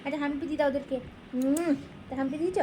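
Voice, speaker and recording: A woman's voice: high-pitched, steady tone, fast talker, background noise. A mother talking sing-song baby talk to her baby while filming at home.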